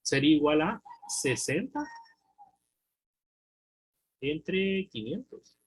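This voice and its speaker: Slow and husky, with a voice on the high side and lively intonation, a man with a Honduran Spanish accent reasons through a math and physics problem in a recorded lesson. He checks understanding with questions to students, and the audio is poor.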